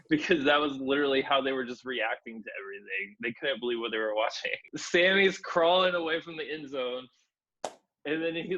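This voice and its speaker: A man's voice: medium pitch, bright, forceful tone, dull audio. A man co-hosting a casual review podcast, swearing freely and laughing as he recaps the action. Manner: profane, laughs through recaps. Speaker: podcast co-host. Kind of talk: casual wrestling review chat.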